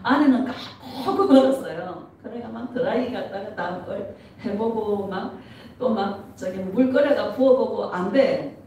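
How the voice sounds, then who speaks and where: A middle-aged woman pastor preaching an animated sermon, laughing often and asking the congregation questions. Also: mid-range voice, unhurried, slight background noise. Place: church sanctuary. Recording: echoey church from a distance.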